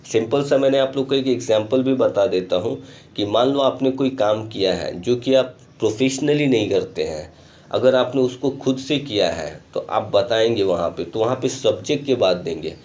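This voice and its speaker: A male school teacher giving a recorded online grammar lesson, explaining patiently and mixing English terms into his explanations, often pausing to check in with the class. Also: fairly low pitch, darkish tone, muffled recording. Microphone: screen recording.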